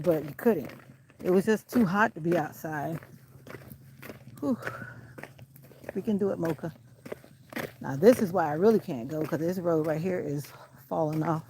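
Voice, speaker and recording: A woman's voice: on the low side, gravelly, warm tone, a little hiss or hum, low-quality recording. A woman chatting casually while walking a country road, out of breath, filmed on a handheld camera. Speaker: vlogger.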